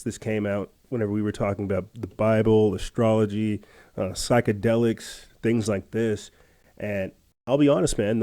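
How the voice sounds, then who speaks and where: A man's voice: on the low side, warm tone. A man hosting a podcast, telling a casual story in a rambling, chatty way with lots of fillers and restarts. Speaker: podcast host.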